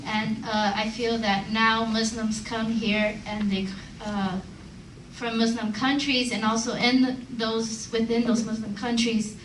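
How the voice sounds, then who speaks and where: A woman in her thirties from Los Angeles shares a personal story in an open discussion. She speaks earnestly and often pauses on soft fillers. Her voice sits a little high, caught by a distant microphone in a reverberant hall. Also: flat delivery. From Los Angeles, United States. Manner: earnest, reflective, many hesitant fillers. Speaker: audience member at a community meeting. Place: large meeting room indoors. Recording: roomy hall, distant mic, faint hiss.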